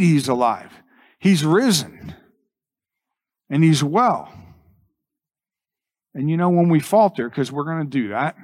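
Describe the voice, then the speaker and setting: A man preaching a church sermon as a pastor, earnestly exhorting with repeated phrases and deliberate, emphatic pauses. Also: a little high.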